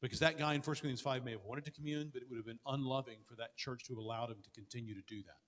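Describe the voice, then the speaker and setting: A man answering questions from the floor as pastor, earnest and fast, often restarting mid-sentence. His voice carries a long reverb from a large hall. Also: mid-range voice, steady tone, a bit bright. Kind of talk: conference Q&A answers.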